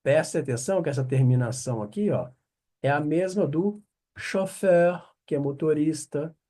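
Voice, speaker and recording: A man teaching French online. He explains patiently, checks in often with quick questions, and repeats the French words slowly. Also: fairly high pitch, mellow. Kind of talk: online language lesson.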